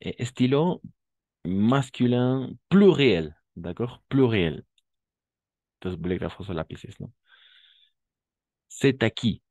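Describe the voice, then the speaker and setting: A man teaching a French class, explaining pronunciation patiently, modeling words slowly and often checking that students follow. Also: mid-range voice, lively intonation, dark tone, no echo.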